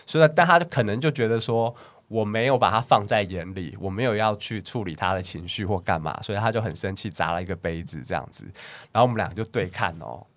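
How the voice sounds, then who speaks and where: A man's voice: on the low side, quick pace. A man with a Taiwanese Mandarin accent telling a story in casual chat, acting out the dialogue and breaking into laughter. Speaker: bar staff and podcast host.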